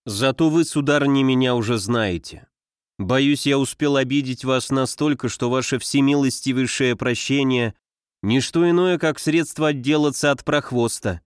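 A man's voice: mid-range voice, normal speed, clean tone, dry recording, lightly acted. Ardent young suitor in an audiobook, read by a man, dry close sound. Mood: insistent. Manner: passionate, insistent.

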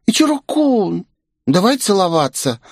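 A man's voice: high voice, big pitch swings, measured pace, a little mellow, dry recording, studio quality, voice pushed up, exaggerated voice. A man voicing a tipsy, clingy young aristocrat girl in an audiobook, pouty and drunkenly affectionate. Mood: clingy, playful. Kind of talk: audiobook character voice.

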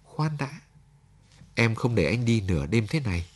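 A man's voice: fairly low pitch, animated, fairly quick, breathy edge. A man reading a story aloud, voicing a lonely young woman who pleads through tears and then turns firm. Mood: pleading.

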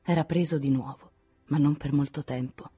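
A woman reading a literary novel aloud in a measured, even audiobook narration. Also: low voice, music in the background. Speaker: audiobook reader.

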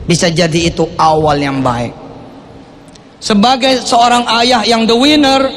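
A male preacher giving an animated sermon to a congregation, his voice swinging up and down as he acts out quotes. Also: fairly high pitch. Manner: animated preaching, voice rising and falling sharply, acting out quotes. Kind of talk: televised sermon. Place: large hall with a congregation. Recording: long hall reverb, faint noise.

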